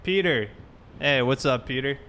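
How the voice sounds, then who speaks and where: A man streaming a police roleplay game chats casually and greets his viewers in a friendly way. His voice sits in the mid-range with a fairly bright tone, and he speaks a little slowly. Background noise comes through clearly in the recording.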